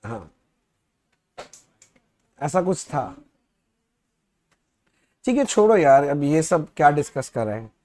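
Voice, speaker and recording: Chatty Hindi-speaking accounts teacher. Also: male voice, a little high, sing-song. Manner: conversational, reads questions aloud slowly and loudly. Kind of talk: classroom lecture.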